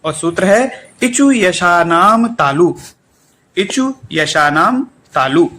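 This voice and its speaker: A male teacher giving an exam-prep lesson, chanting memory formulas slowly and repeating each line while telling students what to do. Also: sits high, lively intonation, pushed and bright. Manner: addresses students directly with instructions.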